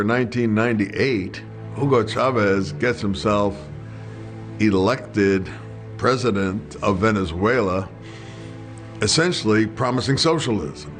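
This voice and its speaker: A man in an interview speaking in a halting way, with fillers. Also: fairly low pitch. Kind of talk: interview recollection.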